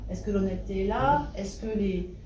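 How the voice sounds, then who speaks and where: A French woman, a historian and university lecturer, answers questions in conversation with a mid-range voice at a moderate pace. She is thoughtful and hesitant, often pausing and restarting. The recording comes from a distance in a noisy meeting room with a roomy echo.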